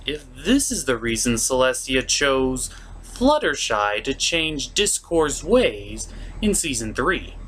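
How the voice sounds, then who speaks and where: Slow and a bit bright, this man's medium-pitched voice swings widely in pitch. He hosts a show reviewing cartoons, delivering casual scripted commentary theatrically and emphatically, with noticeable noise in the background.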